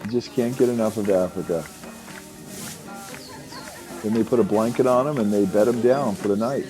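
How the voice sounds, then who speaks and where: A man's voice: lowish voice, moderate pace, dark tone, low-quality recording. A man narrating a travelogue as its host, in a casual, enthusiastic way full of superlatives. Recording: music behind the voice.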